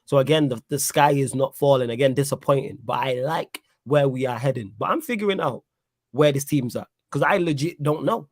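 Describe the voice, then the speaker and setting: A man rattles through his football takes at a fast clip, pressing every point home. His voice sits in the middle range and is recorded close and dry, with no room around it. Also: medium pitch, dry recording. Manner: emphatic, repeats "you know what I'm saying". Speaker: football pundit. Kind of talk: casual football reaction chat.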